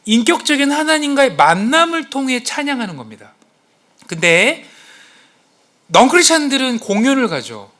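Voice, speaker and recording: A pastor with a very high voice preaches at a moderate pace in a church sanctuary. Animated before his congregation, he acts out quotes and exclamations and puts questions to the listeners.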